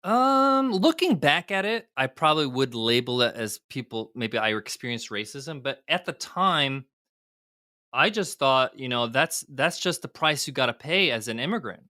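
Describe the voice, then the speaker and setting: A man's voice: medium pitch, lively intonation, moderate pace, pushed and bright, no echo, clean studio sound. A middle-aged man, a guest entrepreneur, speaking candidly in a casual podcast interview with frequent fillers and restarts. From United States.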